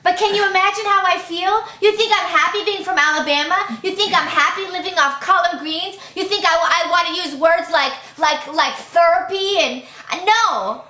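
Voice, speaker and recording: A shrill, defensive young wife. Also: female voice, moderate pace, few pauses, pushed and bright. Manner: defensive, insistent. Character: defensive wife who faked royal Italian roots. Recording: echoey room.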